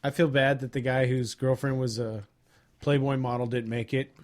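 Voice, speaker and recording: A man's voice: mid-range voice, little pitch movement, moderate pace. A man co-hosting a podcast, joking and laughing in casual chat. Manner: jokey, laughs, quips. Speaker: podcast co-host. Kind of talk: casual chat about fights.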